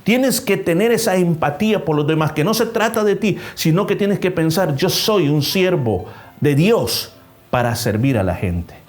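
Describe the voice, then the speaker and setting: A pastor preaches at a church service in a high, expressive voice at normal speed, stressing numbered points with rising emphasis. He also acts out a story, changing voices as he goes.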